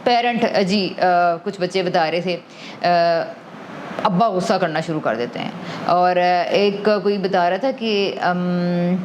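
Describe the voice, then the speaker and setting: The sound is lo-fi with background noise, and the woman's pitch is fairly low. An adult parent and podcast guest on emotional wellbeing, she explains in a relaxed, reflective manner, slipping into English terms and often beginning sentences again.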